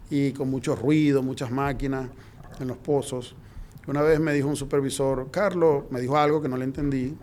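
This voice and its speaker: Man telling anecdotes, slightly high voice. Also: a little hiss or hum. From Venezuela. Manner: lively anecdotal, acts out quoted dialogue. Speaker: guest. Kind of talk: interview storytelling.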